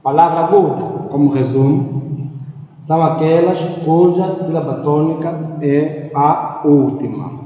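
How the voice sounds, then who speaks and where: A man's voice: fairly high pitch, measured pace, mellow. Echoey distant male teacher. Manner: repeats key terms, checks in with "ok?". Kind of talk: classroom grammar lesson. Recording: roomy echo, distant, dull lo-fi, faint noise.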